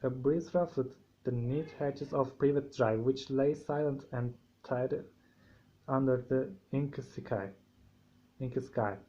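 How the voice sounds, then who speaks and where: A man with a sore throat reading a novel aloud, halting, with frequent restarts and slips. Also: medium pitch, warm tone. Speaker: amateur audiobook reader. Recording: dull lo-fi home recording.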